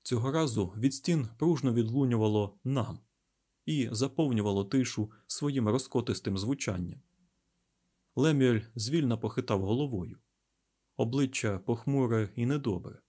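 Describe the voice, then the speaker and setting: A man narrating a fantasy audiobook in a steady, even storytelling manner. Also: mid-range voice, normal speed, slightly rough.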